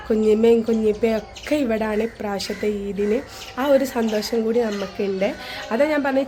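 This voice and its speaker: A woman's voice: on the high side, a little mellow, slight background noise. A young woman, chatting casually to her viewers in a family vlog. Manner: chatty, rambling, addresses viewers as guys. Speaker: vlogger.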